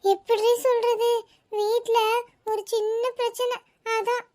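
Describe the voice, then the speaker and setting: A woman's voice: very high-pitched, little pitch movement, slow pace, mellow. A woman voicing a sulky schoolgirl, an older sister who feels overlooked and complains in a mopey way. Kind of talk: cartoon voice acting.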